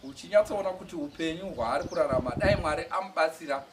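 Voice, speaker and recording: Halting, emotional preacher man heard from afar. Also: on the high side. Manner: halting, restarts words, emotional. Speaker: evangelist giving testimony. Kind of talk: church testimony. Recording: distant mic with faint outdoor noise.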